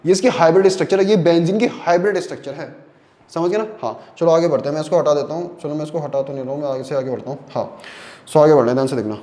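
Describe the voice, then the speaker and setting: A man's voice: fairly high pitch, very fast, warm tone, echoey room. A man teaching a chemistry lesson in Hindi, explaining step by step and often checking whether students follow. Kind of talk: online lecture.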